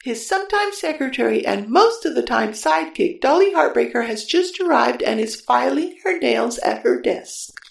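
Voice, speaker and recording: A woman's voice: high voice, lively intonation, moderate pace, gravelly, husky, no echo, full character voice. A woman playing a sassy, bossy detective's secretary full of tough slang in a comic radio play. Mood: eager storytelling.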